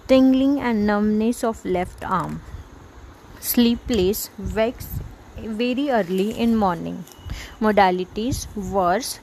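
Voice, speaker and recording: A woman reading entries from a homeopathy reference book aloud, listing short phrases in a slow, measured way. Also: medium pitch, a little mellow, a little hiss or hum, low-quality recording.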